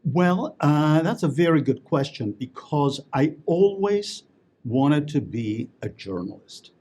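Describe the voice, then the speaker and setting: Speaking slowly in a somewhat high, animated voice that's a little mellow with a breathy edge, this man is an interview guest. In a casual conversation, he tells stories in a chatty manner, full of fillers and restarts.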